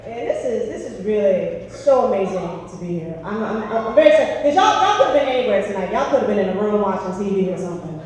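A woman's voice: mid-range voice, sing-song, fast, few pauses, a little mellow. A woman doing a stand-up comedy set, gushing and breathless, exclaiming over and over. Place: outdoor rally stage. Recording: echoey hall-like PA from far off. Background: crowd.

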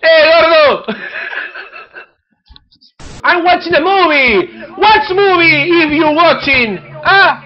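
A host with an Argentine accent, brashly teasing and shouting insults at strangers in a crude comedic video chat. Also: very high voice, lively intonation, drawn-out words, long pauses. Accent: Argentine Spanish. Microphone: computer webcam mic. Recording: dull lo-fi webcam audio with faint hiss.

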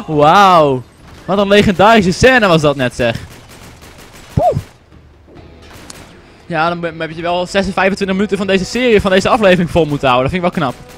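Young male let's player, high-ish voice, wildly animated, jokey and profane. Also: normal speed, long pauses. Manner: excitable, swearing, joking, shouts at the game. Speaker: gaming commentator. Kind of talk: casual let's play commentary.

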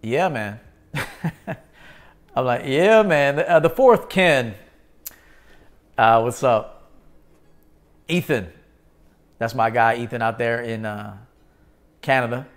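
The host, a man in his thirties, talks slowly in a mid-range voice, leaving long pauses. Streaming live from a small indoor studio, he casually reads viewer comments, answers them, and greets viewers by name in a relaxed way.

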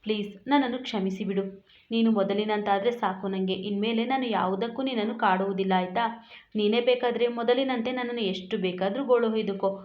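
A soft, pleading young wife at a hospital bedside, read out by a woman storyteller. She speaks at a middling pitch, and the recording is roomy and a little dull. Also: steady tone, a little fast, close to an everyday voice. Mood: tearful pleading.

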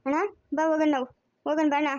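A woman voicing a soft-hearted grandmother begging tearfully in a family cartoon. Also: high voice, flat delivery, very fast, dry recording, close to an everyday voice. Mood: pleading.

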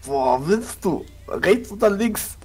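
A man's voice: high voice, sing-song, slow pace, darkish tone, husky, dry recording. A man in an online role-play game, playful and giggly in casual voice chat.

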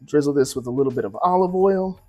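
Man, 40s, home cooking host, easygoing, chatty, slightly high voice, faint music behind. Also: fast talker, mellow, highs cut off. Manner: easygoing, chatty, tosses in asides and "right?". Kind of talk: relaxed cooking demonstration. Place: home kitchen, indoors.

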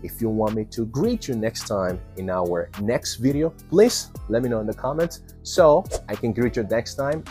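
A man's voice: fairly low pitch, a little mellow. A middle-aged man hosting an English lesson to camera from a porch, speaking in an emphatic, instructional way. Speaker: English teacher, host. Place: covered porch outdoors.

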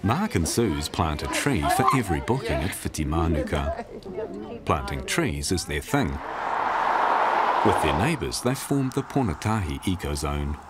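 A man narrating a documentary from a script in a measured, storytelling way. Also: a bass voice, sing-song, very noisy. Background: background music.

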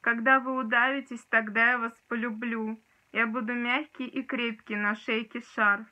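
Young female, dramatic poetry declamation, sharp highish voice, steady pitch, lo-fi home recording. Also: normal speed. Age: young adult. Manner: forceful, rhythmic declaiming. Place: small room indoors. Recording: dull, lo-fi sound.

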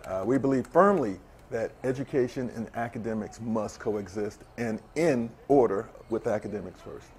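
A middle-aged man, a former player, chatting as a guest on a TV sports show, explaining his views in a measured way with examples. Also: lowish voice, darkish tone, a little hiss or hum. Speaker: guest, former basketball player and camp director. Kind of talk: casual studio chat. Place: TV sports studio set.

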